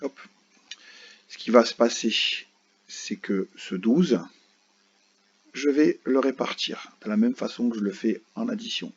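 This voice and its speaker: A male primary school teacher patiently takes children through a math lesson step by step, often checking they follow and repeatedly asking "d'accord?". His mid-range voice is measured in pace, pauses often, and has a darkish, slightly rough tone. The recording is dull and lo-fi.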